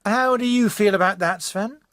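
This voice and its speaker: A woman's voice: medium pitch, normal speed, no echo, studio quality, lightly acted. A woman playing a businesslike, orderly meeting chair in a scripted language-course dialogue. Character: businesslike meeting chair running a staff discussion.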